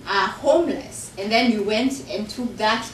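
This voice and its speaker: At a measured pace and medium pitch, a Kenyan woman who is both an author and a professor earnestly describes her book to a university function room audience. She speaks with a Kenyan accent, far from the mic, in an echoey room with slight background noise.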